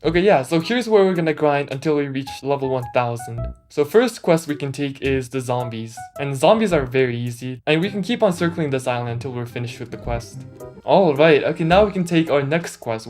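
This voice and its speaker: Using a voice changer, a gaming YouTuber offers casual, slang-heavy gameplay commentary with a mildly complaining attitude. The voice comes out medium in pitch and a little mellow, with background music mixed underneath.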